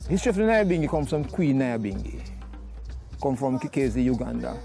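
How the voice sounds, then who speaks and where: A man explaining deliberately in a documentary interview, using Rasta speech. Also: medium pitch, very animated, vocal fry, warm tone, soft background music.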